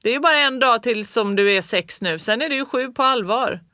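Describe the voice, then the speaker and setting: A reader voicing a sour, stern farmer father who calls out loudly over a storm. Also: mid-range voice, no room sound, clean studio sound, voice pushed up, natural voice. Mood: urging. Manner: calling out loudly over the wind.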